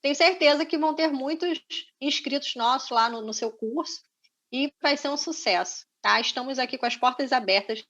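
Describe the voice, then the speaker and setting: A woman's voice: high-pitched, normal speed, fairly bright tone, lo-fi sound. A woman hosting an online talk, effusive as she thanks her guest over a video call. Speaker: webinar host.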